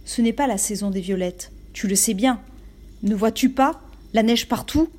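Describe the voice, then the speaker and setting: A grave, ancient storybook elder with a stern way of speaking, read by a woman. Her voice stays dark and mellow, close to her own. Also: mid-range voice, moderate pace, natural voice. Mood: firm.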